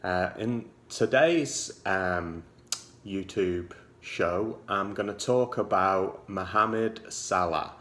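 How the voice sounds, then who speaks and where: A man's voice: low voice, takes it slowly, a bit bright. A man in his forties with a Liverpool-area accent, giving casual fan commentary with many ums and restarts. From England. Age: 40s. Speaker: football fan vlogger.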